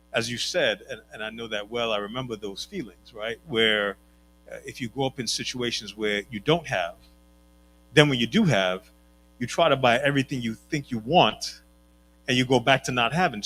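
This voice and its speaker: Bright-voiced man, reflective. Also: mid-range voice, a little hiss or hum. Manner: reflective, explanatory, laughs easily. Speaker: panelist. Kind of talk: church panel discussion.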